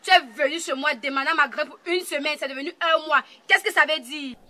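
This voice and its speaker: A woman's voice: high voice, fairly quick, background noise. A woman in a comedy sketch who protests and insists, denying blame and demanding her things back. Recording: music playing underneath.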